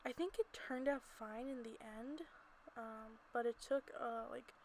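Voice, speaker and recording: Unhurried and a little mellow, her fairly high voice carries a casual, rambling, giggly commentary for a gameplay video. This amateur creator records in a small closet at home, and the low-quality recording has noticeable background noise.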